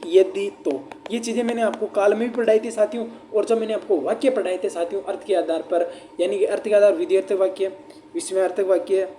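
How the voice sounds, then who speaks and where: A male teacher, talking students through an exam paper, asking rhetorical questions and slowing down to dictate examples. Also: high-pitched, mellow, a little hiss or hum. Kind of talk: exam paper answer walkthrough.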